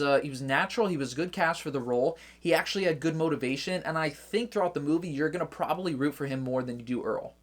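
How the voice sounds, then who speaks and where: A casual movie reviewer talking straight to the viewer. The delivery is chatty and loose, with lots of filler words and little joking asides that wander off track. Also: medium pitch.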